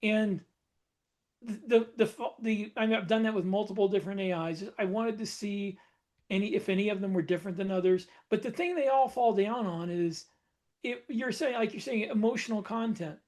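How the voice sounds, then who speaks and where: A man co-hosting a casual podcast panel chat explains his experience thoughtfully, one step at a time. His voice sits high with a darkish tone, and he talks at a normal speed.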